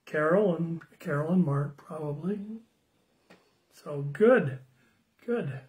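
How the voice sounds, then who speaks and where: An older man in his sixties giving a children's sermon on a phone livestream, slow and friendly, greeting viewers by name and asking the kids questions. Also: fairly high pitch, a little mellow, poor audio. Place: small room indoors at home. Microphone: phone camera close up.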